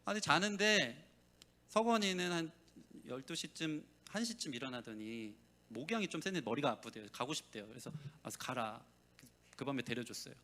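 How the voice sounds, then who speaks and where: A man's voice: on the high side, fairly quick. A male pastor preaching a sermon and telling a family story, acting out the people he quotes. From South Korea. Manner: animated storytelling, acts out quoted voices.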